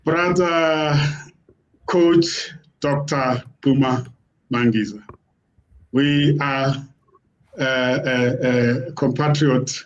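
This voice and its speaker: A man's voice: mid-range voice, very slow, pauses often, muffled recording. A man hosting a live online interview, greeting guests effusively with many fillers. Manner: warm, effusive greetings, hesitant. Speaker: host. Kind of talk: casual interview.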